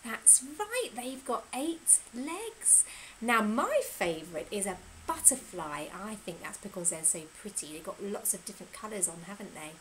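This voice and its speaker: A young woman leading a children's music class at home, talking in a sing-song, animated way and gasping with delight. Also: medium pitch, normal speed, slight background noise, poor audio. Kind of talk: children's lesson video. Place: at home, indoors.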